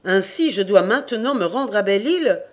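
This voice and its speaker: A fretful young peasant lad from an old storybook, as the audiobook reader puts him on, exclaiming in a lifted, pushed-up voice. His complaints spill out loud and quick to anger, then turn plaintive. The pitch sits in the middle of the range, and the delivery is clearly read aloud. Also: animated, close to an everyday voice. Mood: indignant, plaintive. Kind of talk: audiobook character reading.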